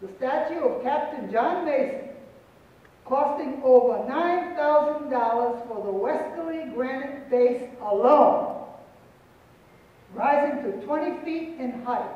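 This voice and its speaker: An older man giving a solemn, deliberate prepared speech on a panel, repeating phrases for emphasis. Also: extremely high pitch. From Pequot territory, New England. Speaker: panel speaker. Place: auditorium stage, large indoor hall. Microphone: far room mic. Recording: echoey hall from far off, dull.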